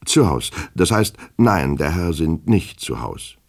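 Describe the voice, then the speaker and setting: A man's voice: extremely low pitch, sing-song, takes it slowly, darkish tone, heavily acted. A man reading the part of a flustered male house servant who answers the door evasively. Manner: hesitant, evasive.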